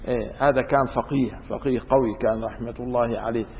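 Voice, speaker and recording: A man's voice: mid-range voice, steady tone, fast talker, slight background noise. A man teaching an informal religious law lesson, colloquial and teasing with his students. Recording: lo-fi phone-like recording in a reverberant room.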